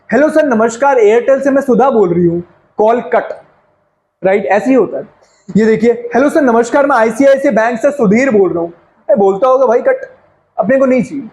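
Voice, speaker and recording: A man coaches a class on sales. His voice sits very high for a man. He talks with lots of energy, fast and chatty, and drops English phrases into his lessons. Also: darkish tone, poor audio. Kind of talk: sales training lecture.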